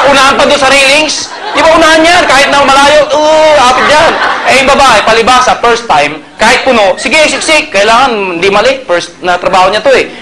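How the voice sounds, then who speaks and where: A man's voice: very high-pitched, sharp tone. A man from the Philippines giving a joking sales seminar to a live audience, telling stories and quizzing the crowd. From Pangasinan, Philippines. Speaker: marketing presenter. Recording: noisy hall with a reacting crowd.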